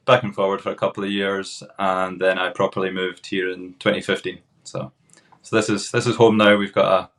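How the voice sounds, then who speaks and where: Low, flat-voiced Scottish man. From Scotland, Glasgow. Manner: relaxed, unhurried, frequent hesitant fillers. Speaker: podcast guest, tour guide. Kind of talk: casual interview chat.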